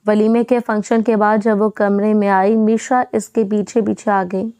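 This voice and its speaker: Woman narrator reading a romance story, smooth and warm voice. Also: mid-range voice, no room sound. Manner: steady storytelling read-aloud. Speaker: novel narrator. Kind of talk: scripted narration of a romance novel.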